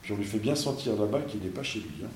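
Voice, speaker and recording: A man's voice: on the low side, expressive, fast, a little mellow, echoey room, slight background noise. A man, a parish priest, giving an informal talk to an audience, conversational and emphatic, full of fillers and restarts.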